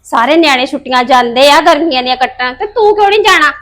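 A woman's voice: high-pitched, animated, quick pace, a bit bright. A woman playing a snide, bickering sister-in-law who is also a mother. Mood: bossy.

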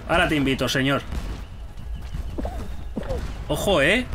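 A man giving casual, animated commentary while he plays a game and teases his friends. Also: fairly high pitch, measured pace, noisy background. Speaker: gaming YouTuber.

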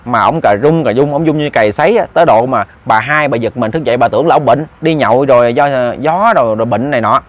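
With few pauses and a quick delivery, a mid-range male voice narrates a ghost story. It's relaxed, chatty storytelling aimed squarely at his listeners, and he tends to repeat words.

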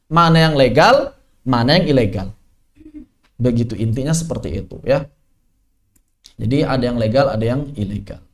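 A man from West Java's Sundanese region leads an online tajwid class in a high, bright voice. He teaches in a lively, joking way, tossing rhetorical questions at his students and laughing along with them. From Sundanese region of West Java, Indonesia. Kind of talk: online Quran recitation lesson. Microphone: online class microphone.

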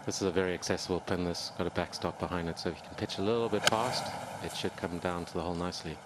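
A man's voice: sits low, fairly even intonation, fast talker, heavy background noise. A man giving conversational golf commentary as a guest. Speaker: professional golfer as guest commentator. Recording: loud outdoor broadcast ambience.

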